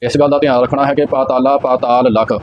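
A man teaching scripture recitation, chanting verses slowly and then explaining their pronunciation calmly. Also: medium pitch, highs cut off, slight background noise. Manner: slow measured chanting of verses, then calm instruction. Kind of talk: recitation lesson.

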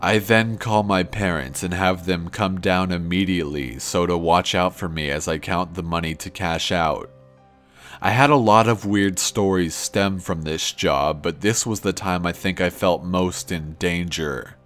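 A man narrating true scary stories in a slow, measured storytelling manner. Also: deep voice, fairly bright tone. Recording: faint music under the voice.

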